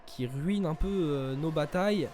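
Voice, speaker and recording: A man giving live race commentary as a motorsport commentator, moving between measured observation and excited calls of the action. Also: fairly high pitch, a little hiss or hum. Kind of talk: live race commentary, esports sim racing.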